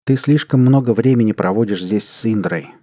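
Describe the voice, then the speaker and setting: A man's voice: fairly low pitch, a little fast, dark tone, lightly acted. A man voicing a weary middle-aged king and stern, worried father in a read-aloud story. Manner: heavy, stern, bitter.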